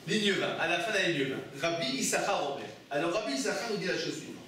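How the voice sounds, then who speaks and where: A man's voice: sits high, expressive, quick pace, background noise. A man, a rabbi, teaching a Torah class, asking his students questions and answering them himself. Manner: explains texts with repeated phrases and restarts. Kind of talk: Torah study lesson. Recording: echoey room, mic far off.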